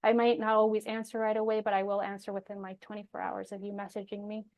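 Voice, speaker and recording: A woman with a medium-pitched voice talks as a coach presenting her own program. Her delivery is casual and personal, encouraging the listener and leaning on certain words for emphasis. She sounds informal and reassuring throughout. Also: monotone, quick pace, darkish tone.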